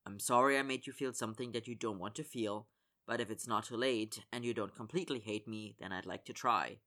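A man reading aloud as an earnest, apologetic young man who speaks softly and hesitantly. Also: on the low side, brisk, voice pushed down. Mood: soft, pleading. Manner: soft, pleading, hesitant.

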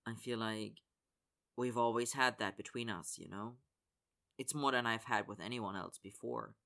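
A man reading aloud as an earnest, apologetic young man who speaks softly and hesitantly. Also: lowish voice, fairly even intonation, moderate pace, gravelly, voice pushed down. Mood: soft, pleading. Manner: soft, pleading, hesitant.

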